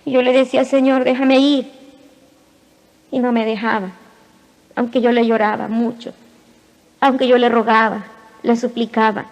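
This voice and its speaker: High-pitched woman giving an emotional church testimony in short, halting phrases, heard in a reverberant hall. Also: flat delivery. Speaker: testimony speaker. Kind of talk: spoken religious testimony.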